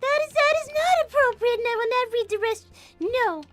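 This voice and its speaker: A woman's voice: extremely high pitch, moderate pace, music in the background. A woman voicing a polite, easily flustered young girl rabbit in an improvised cartoon livestream, protesting in wordy, prim sentences. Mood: outraged. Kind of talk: improvised cartoon character livestream, reading viewer messages.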